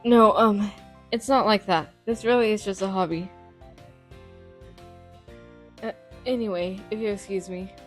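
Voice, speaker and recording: A bashful, easily flustered anime student, voiced by a woman in a fan dub. The mid-pitched voice is hesitant and stammering, modest and apologetic, with music playing underneath. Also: fairly even intonation, moderate pace, lightly acted. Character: shy, flustered, modest student with secret hobby.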